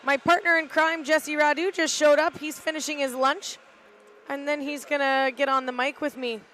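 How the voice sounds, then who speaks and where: A middle-aged woman giving casual, halting live play-by-play commentary from an arena balcony, with lots of "uh" fillers. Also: sits high, little pitch movement, bright, forceful tone, slight background noise, poor audio. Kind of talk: live amateur sports commentary. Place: arena balcony above the rink.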